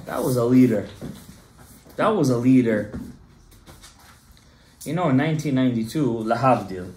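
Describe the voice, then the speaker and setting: Animated man teaching a Torah class. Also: medium pitch, normal speed, slight background noise. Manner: emphatic, gestures broadly, quizzes the listeners. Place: synagogue study room, indoors. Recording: roomy echo.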